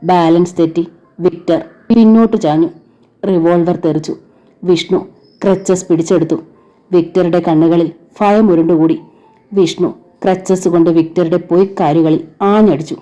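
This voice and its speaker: Low, dark-voiced woman narrator. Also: steady tone, moderate pace. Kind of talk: scripted narration of a crime novel. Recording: dull lo-fi recording with faint music.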